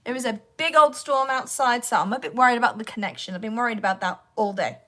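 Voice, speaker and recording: This woman voice actor talks quickly in a voice on the high side, a bit bright, though croaky from a sore throat. She rambles casually to her livestream audience, muttering to herself while her devices give her trouble.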